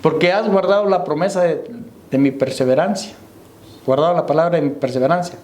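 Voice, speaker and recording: A man's voice: on the high side, brisk, darkish tone. A man preaching a sermon as pastor, calling out to the brethren and asking if they understand. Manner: preaching to the congregation, repeating "hermano" and "¿me entiende?". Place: church. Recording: echoey church hall.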